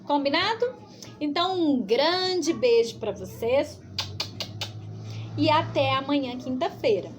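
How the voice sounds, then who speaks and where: A high-pitched woman with a Brazilian Portuguese accent teaches small children in a recorded video lesson. She talks slowly and patiently, stretching syllables in a sing-song way. A faint hiss sits under her voice. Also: expressive. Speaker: preschool teacher.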